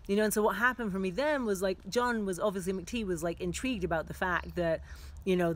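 Frank, animated middle-aged woman filmmaker. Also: on the low side. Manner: animated, frank, heavy on "like" and "you know". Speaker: filmmaker giving career advice. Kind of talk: casual direct-to-camera advice.

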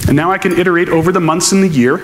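A man's voice: high-pitched, rapid-fire. Man explaining code in an echoey hall. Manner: thoughtful, explains with rhetorical questions. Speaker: conference speaker. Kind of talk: technical keynote with audience questions. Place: large lecture hall, on stage. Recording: echoey lecture hall with faint noise.

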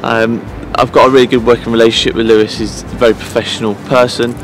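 A man in his thirties, a head groundsman, speaking earnestly to camera outdoors at pitch side in an empty stadium, pausing often with fillers and restarts. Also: little pitch movement, slight background noise. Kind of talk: promotional interview to camera.

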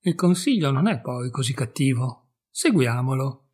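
A man's voice: mid-range voice, animated, moderate pace, a little mellow, slightly rough. A man voicing a hungry male wolf who mutters to himself, in a storybook reading. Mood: grumbling.

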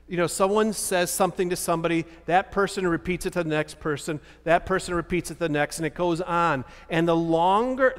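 A man in his fifties preaches from a lectern in a large church, his voice high for a man. He poses rhetorical questions and answers them with animated emphasis. A long hall reverb trails each phrase. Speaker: pastor. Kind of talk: sermon.

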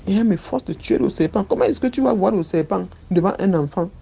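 Gravelly, mellow-voiced woman telling her story. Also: medium pitch, expressive, fast, dull audio. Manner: earnest, recounting events step by step. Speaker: guest giving a testimony. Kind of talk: personal testimony storytelling.

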